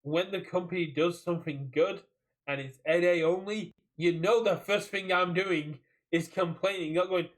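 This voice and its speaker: Higher-voiced British man, rambling chat. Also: fairly even intonation, moderate pace, low-quality recording. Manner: rambling, repeats phrases and restarts. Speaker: podcast co-host. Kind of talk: casual chat about a card game community.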